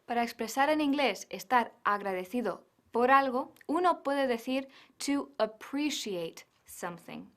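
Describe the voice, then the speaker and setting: A woman giving a scripted English lesson, modelling phrases slowly and carefully. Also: high voice, a bit bright. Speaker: English teacher.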